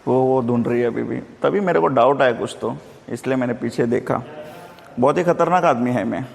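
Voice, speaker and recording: A man's voice: medium pitch, moderate pace, gravelly. A man with a Mumbai Hindi accent teaching a sermon in a chatty, joking way, calling on the congregation to answer back. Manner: chatty, jokey, calls for congregation responses. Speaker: Bible teacher. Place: church hall with congregation. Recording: reverberant hall.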